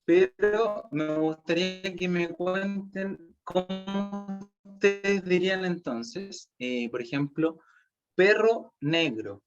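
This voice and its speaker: A Chilean man teaches an online language class, patiently walking through each example step by step and checking understanding with "¿cierto?" and "¿ya?". His voice is fairly high for a man, slow and smooth. The computer mic makes it sound dull, muffled and lo-fi, with faint music behind.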